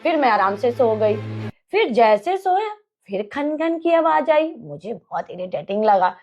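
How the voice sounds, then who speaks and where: An animated young woman tells a spooky story to her family, acting out each scene as she goes. Her voice sits a little high for a woman, and she talks in a relaxed, chatty way. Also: unhurried, highs cut off. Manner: animated, acts out scenes and quotes. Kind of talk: casual storytelling of a ghost experience.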